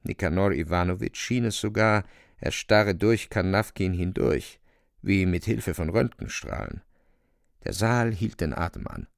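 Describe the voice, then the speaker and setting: A man narrating a radio drama in a vivid, expressive storytelling manner. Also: low-pitched, measured pace, creaky, dry recording, clean studio sound.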